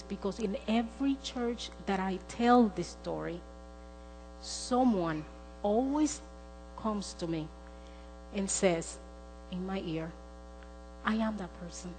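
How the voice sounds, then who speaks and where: A woman's voice: mid-range voice, darkish tone. A woman preaching a sermon in a church, emphatic, repeating words for stress as she tells a story. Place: church sanctuary. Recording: long hall reverb with faint mains hum.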